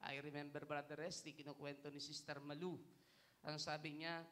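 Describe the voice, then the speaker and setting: Filipino pastor guy preaching in church, high voice, gets big and emphatic on the bible verses. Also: little pitch movement, normal speed, a bit bright. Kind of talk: sermon.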